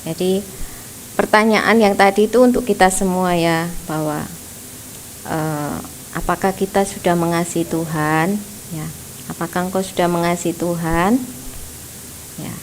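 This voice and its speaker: Slow-spoken woman preaching. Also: lowish voice, steady tone, a little hiss or hum, poor audio. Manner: slow, gentle, tags nearly every phrase with "ya". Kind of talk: sermon at a prayer service. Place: church.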